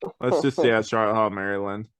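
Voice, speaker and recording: A man's voice: on the low side, brisk, a loud crowd. A man hosting a podcast in casual chat, joking around and talking through what he types. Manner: joking, narrates while typing. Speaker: podcast host.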